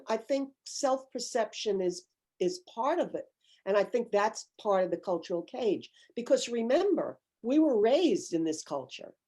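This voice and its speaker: A woman's voice: mid-range voice, dark tone. An older woman, an author, talking thoughtfully in an interview over a video call, telling stories with emphasis. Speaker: author guest. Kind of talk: conversational interview.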